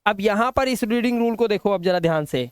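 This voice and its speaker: A man's voice: high-pitched, a little fast, clear, resonant tone, no room sound. A man with an Indian accent teaching English pronunciation rules, emphatic and repeating each word. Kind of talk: spoken English lesson.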